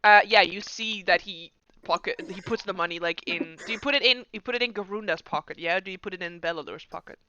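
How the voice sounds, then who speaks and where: A woman narrating as game master of a tabletop game, chatty with quick asides to the players. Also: lowish voice, bright, forceful tone, muffled recording.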